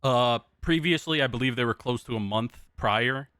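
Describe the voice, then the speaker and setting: A man role-playing an acting sheriff, speaking casually in a halting, matter-of-fact way. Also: medium pitch, fairly bright tone, smooth, no room sound, clean studio sound. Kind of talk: improvised role-play testimony and casual commentary.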